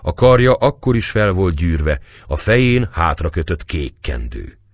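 Man, low voice, lively pitch, dry sound, audiobook narration. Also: dry recording. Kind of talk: audiobook reading of a novel.

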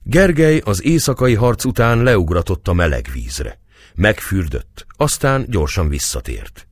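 A man reading a novel aloud as a measured, expressive audiobook narrator. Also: low-pitched, no echo.

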